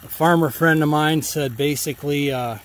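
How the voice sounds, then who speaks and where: Speaking at normal speed in a steady voice on the high side, an American man offers homespun, chatty vlog remarks from his farm, some of it from a tractor seat. The outdoor ambience and vehicle sounds are clearly audible.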